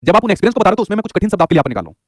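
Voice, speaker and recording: Rapid, high-voiced male teacher. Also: big pitch swings, no room sound, studio quality. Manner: rapid, repeats his own questions back to the viewer. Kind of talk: exam-prep lesson.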